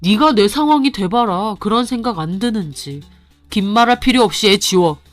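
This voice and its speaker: A woman putting on a young husband's voice, pushed low and cold, full of suspicion and accusation toward his wife. It sounds dry and close, with a faint bed of music under the radio story. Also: lively intonation, moderate pace, no room sound, natural voice.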